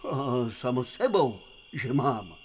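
A man's voice: medium pitch, sing-song, a little mellow, slight background noise, natural voice. A man doing an eager know-it-all kid. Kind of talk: puppet radio play acting.

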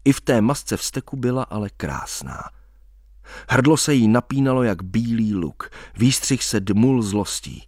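A man reading a first-person story aloud in a measured, wry storytelling manner. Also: medium pitch, lively intonation, a little mellow, dry recording, clean studio sound. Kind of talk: scripted story narration.

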